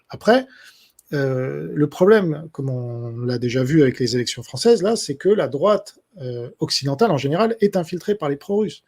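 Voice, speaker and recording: Husky-voiced guy doing a casual q&a for his subscribers, lots of euh and restarts. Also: mid-range voice, a little mellow. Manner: hesitant, many fillers and restarts. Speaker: author answering subscriber questions. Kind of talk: casual spoken Q&A monologue.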